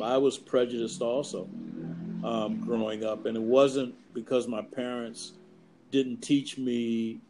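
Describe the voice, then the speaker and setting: A man in his fifties with a mid-range voice shares memories in an unhurried, reflective way. He comes from the US East Coast and speaks as a guest in a relaxed conversation, pausing to think as he goes. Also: mid-range voice, low-quality recording. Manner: reflective, measured storyteller. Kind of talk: casual conversation, personal storytelling.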